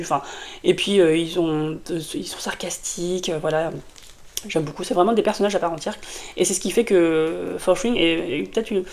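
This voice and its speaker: A woman with a lowish, darkish voice casually reviews a fantasy novel to camera for her book vlog. Suffering from a cold and a sore throat, she talks in a rambling, chatty way with many fillers and restarts.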